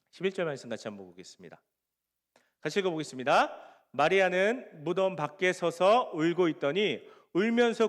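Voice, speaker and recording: A male pastor preaching a sermon to a young congregation, asking them questions and acting out the scripture scenes. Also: high-pitched. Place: church sanctuary. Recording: long hall reverb.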